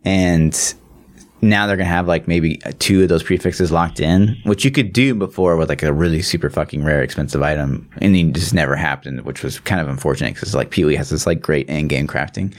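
A man with a rumbling low voice talks briskly as a podcast co-host. His gaming chat is casual and rambling, full of slang and the odd curse word as he explains things.

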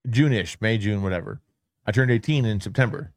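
A man's voice: fairly low pitch, a little fast, no room sound. A man in his late thirties co-hosting a podcast, chatting casually in a rambling, profane way that keeps correcting itself. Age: 30s. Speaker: podcast co-host. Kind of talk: casual chat.

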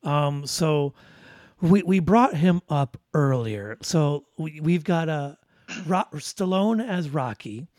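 A man's voice: fairly high pitch, lively intonation, slow pace, darkish tone, dry recording. A man with a slightly raised voice hosts a loose movie conversation, wandering through his points with plenty of ums and restarts. The sound is close and dry, with no room around it. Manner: rambling, many fillers and restarts. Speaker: podcast host. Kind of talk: casual chat.

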